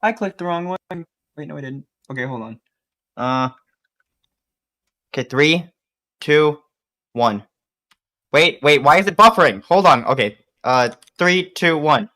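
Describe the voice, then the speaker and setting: Animated rambling man on stream. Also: on the high side, a little slow, pauses often. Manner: animated, rambling with many likes. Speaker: stream co-host. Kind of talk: casual chat on a livestream.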